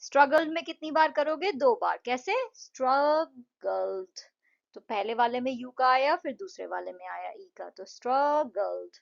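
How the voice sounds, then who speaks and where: A woman tutor, her voice a little high, takes children through an English lesson. She talks patiently and stretches words out slowly to show each syllable. The recording sounds dull and lo-fi. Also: animated, gravelly. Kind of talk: Hindi-English explanation of a textbook lesson.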